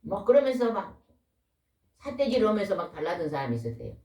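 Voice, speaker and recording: A woman preaching a lively, folksy sermon, a pastor's wife who keeps asking the congregation questions. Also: mid-range voice, a little fast, a little hiss or hum. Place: church hall. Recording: echoey hall, voice from far off.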